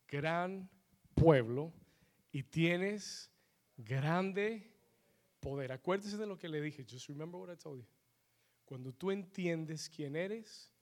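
A man preaching a sermon with call-and-response, switching between two languages and rising to shouts. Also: mid-range voice. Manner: slow, emphatic phrasing. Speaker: pastor. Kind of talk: bilingual sermon.

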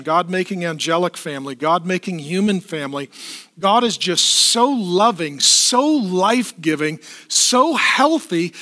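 High-voiced man preaching a sermon. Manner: lively preaching with asides to the congregation. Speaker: pastor. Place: church.

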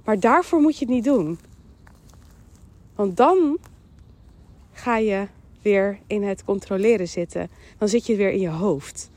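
A woman with a Dutch accent hosting a podcast, giving a calm, emphatic mindfulness talk that repeats phrases and voices the thoughts in her head. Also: mid-range voice, unhurried, long pauses. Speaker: podcast host. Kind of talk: mindfulness monologue.

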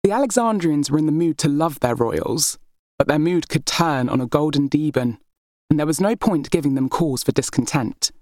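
An audiobook narrator reads a historical novel in a low-pitched woman's voice at a normal speed, telling the story in a scripted, expressive way. The recording is very dry, with no room sound.

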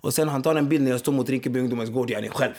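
A man's voice: medium pitch, a little mellow. A man, a former footballer telling streetwise stories in a casual interview, often checking that the listener follows. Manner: streetwise, repeats "förstår du vad jag menar". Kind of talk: casual storytelling.

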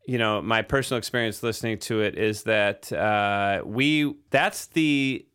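A man's voice: on the low side, measured pace, clean tone. A man co-hosting a podcast, chatting loosely about recording a song, with plenty of fillers. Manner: relaxed, rambling with fillers. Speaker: podcast co-host, drummer. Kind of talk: casual chat about their record.

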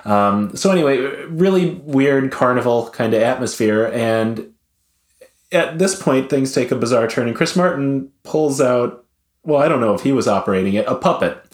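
A man's voice: mid-range voice, lively intonation, moderate pace, reverberant. A man casually telling a long, wry story in a rambling, hesitant way. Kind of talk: casual chat.

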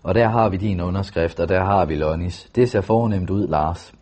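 A man's voice: low voice, darkish tone, breathy edge. A man doing a smug, breezy rich uncle. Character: smug, well-off middle-aged uncle.

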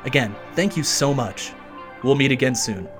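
A man hosting a podcast, reading a scripted sports story with wry, lively storytelling and closing with a casual thank-you, recorded inside a closet in a basement. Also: mid-range voice, normal speed, over music. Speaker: podcast host. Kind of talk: scripted narration, then casual sign-off.

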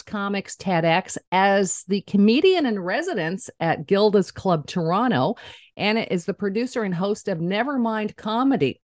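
Female host, middle-aged, medium pitch, casual and joking, no room echo. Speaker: podcast host. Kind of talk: casual chatty hosting.

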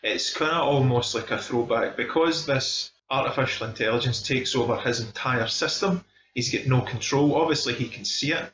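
Chatting casually and with plenty of emphasis, a Scottish-accented man enthusiastically reviews films as host of a film discussion podcast. His mid-range voice has a fairly bright tone at normal speed, captured in a dull, echoey room.

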